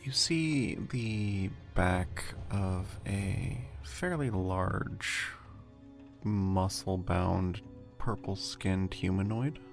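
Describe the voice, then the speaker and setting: Guy running a tabletop game, slow and gravelly, music under him. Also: low voice. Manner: slow, deliberate descriptions. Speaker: game master. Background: background music.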